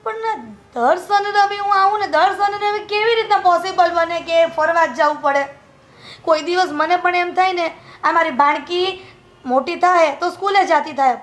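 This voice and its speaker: A young woman with a Gujarati accent playing a daughter in a family film, talking in a quick, scolding way. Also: extremely high pitch, a bit bright.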